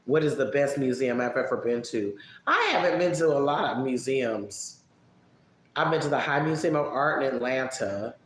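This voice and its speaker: A man casually answering viewer questions on a live stream, relaxed and chatty, musing aloud as he thinks. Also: mid-range voice, normal speed. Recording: echoey room with faint background noise.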